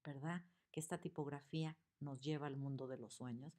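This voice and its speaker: Woman teacher, low mellow voice, expressive, asks questions, lecture on picture books. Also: brisk. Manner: expressive, acts out the examples, asks the audience questions.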